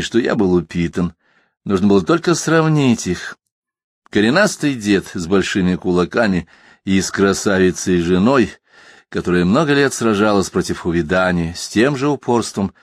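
Low-voiced guy reading a novel, dry close sound, takes his time and rises and falls a lot. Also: no room sound. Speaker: audiobook narrator. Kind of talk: literary audiobook narration.

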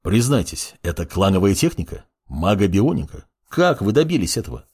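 An ancient undead lich, voiced by a male audiobook reader, speaks with quiet, clinical fascination and a soft menace. The voice sits low with a husky, breathy grain. Its pitch moves freely, rising and falling. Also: moderate pace. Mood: fascinated. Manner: calm, coolly fascinated, softly menacing. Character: cold, curious undead lich mage, centuries old. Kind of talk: audiobook character reading.

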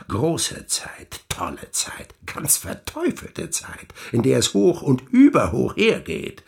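An actor playing the Devil as a sly, mocking, smooth-talking tempter in a radio drama, theatrical and insinuating. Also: male voice, fairly low pitch, full character voice. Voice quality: husky, breathy, creaky. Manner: theatrical, insinuating, wordy with mannered archaic phrases.

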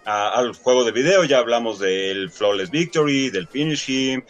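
Slangy Mexican man, medium-pitched voice. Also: expressive, normal speed, lo-fi sound. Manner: slangy, mock-dramatic when ranting. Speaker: podcast host. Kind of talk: casual film discussion.

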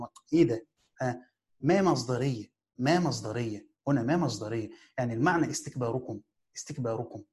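A man's voice: medium pitch, dark tone. A man with an Egyptian accent teaching a classical Quran commentary in casual lecture style, often asking his students questions and answering them himself. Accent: Egyptian Arabic. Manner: asks and answers his own questions, drawn-out pauses.

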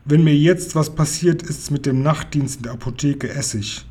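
Ein brummiger, leicht verzweifelter Onkel aus einem vorgelesenen Kinderbuch, von einem Mann gelesen. Die Stimme ist gedämpft und dunkel gefärbt, mit einem rauen Unterton. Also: male voice, a little high, moderate pace, dark tone, husky. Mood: grumbling. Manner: exasperated, grumbling. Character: worried, grumbling uncle, a pharmacist. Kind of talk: reading a children's book aloud.

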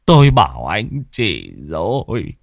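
A man voicing a frail, sick old man who wheezes and wails in a drawn-out way. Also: sits low, huge pitch swings, dry recording, clean studio sound, heavily acted. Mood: lamenting.

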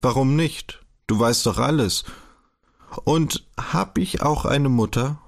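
A man's voice: medium pitch, slow pace, vocal fry, pitched above the performer's own voice. A man voicing an urgent, childlike young man. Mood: urgent questioning. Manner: urgent, pleading questions. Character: naive young man, childlike, insistent questioner.

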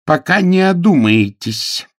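A man reading aloud, voicing a stern elderly nanny who scolds slowly and firmly. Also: on the high side, animated, voice pushed up. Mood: scolding. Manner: strict, scolding, drawn out. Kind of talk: audiobook character voice.

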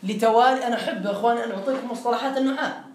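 A man's voice: very high-pitched, very fast, recorded from a distance. A man teaching a classroom grammar lesson, explaining step by step and quizzing his students. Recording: roomy classroom with faint noise.

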